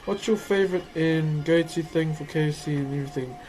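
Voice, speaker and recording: A man's voice: on the high side, brisk, darkish tone, poor audio. Matey man with a broad Kiwi accent. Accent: broad New Zealand. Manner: laid-back, slangy, matey, readily amused. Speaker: livestream host. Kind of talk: casual livestream chat while working.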